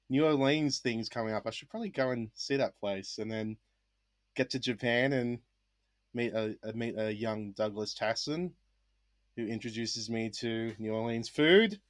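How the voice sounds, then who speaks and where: An Australian man chats as a podcast guest. He tells stories in a lively way, full of fillers and little asides. His voice is mid-pitched and recorded dry and close. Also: dry recording. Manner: chatty, animated, many fillers and asides. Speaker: guest, high school English teacher. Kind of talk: casual interview storytelling.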